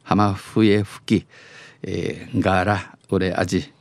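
Slow and creaky, his low voice holds a level tone in a dry recording. He reads news for a dialect segment with an Okinawan accent, phrase by phrase, trading off between standard Japanese and the Okinawan dialect and restating many lines.

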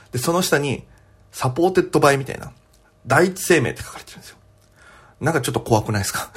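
A young man, a comedian, telling a story alone on his podcast in a chatty, animated way. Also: mid-range voice, husky.

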